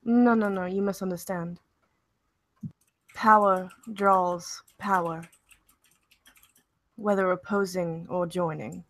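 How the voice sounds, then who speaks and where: A languid, impatient adventurer, voiced by a woman at a tabletop game, who drawls in a put-on accent. She speaks very slowly, and the sound is dry and close. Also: on the low side, steady tone, a bit bright, no room sound. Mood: haughty. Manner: slow, drawling, trying an accent.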